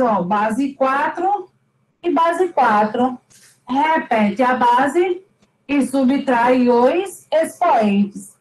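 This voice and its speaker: A woman's voice: high voice, a little mellow, echoey room, low-quality recording. A woman teaching a math lesson to students, patiently repeating each key point and stressing it. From Brazil.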